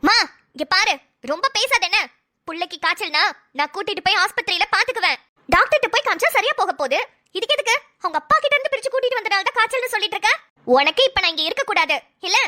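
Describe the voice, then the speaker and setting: A woman's voice: very high voice, lively intonation, fast, pushed and bright, heavily acted. A snappy, quarrelsome young mother, voiced by a woman. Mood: argumentative. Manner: snappy, argumentative. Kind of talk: cartoon voice acting.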